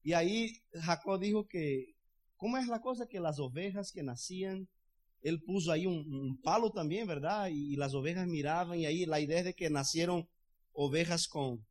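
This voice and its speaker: High-voiced fervent male preacher. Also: moderate pace. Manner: fervent, loose and conversational, often asks "¿verdad?". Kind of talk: sermon. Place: church in the United States.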